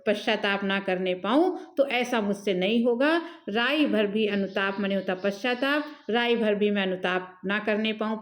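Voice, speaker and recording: A woman with a Hindi accent teaches a poetry class, reading each verse slowly before explaining it in everyday words. Her voice sits a little high. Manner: reads verses slowly, then paraphrases in plain words. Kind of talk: explaining a poem line by line.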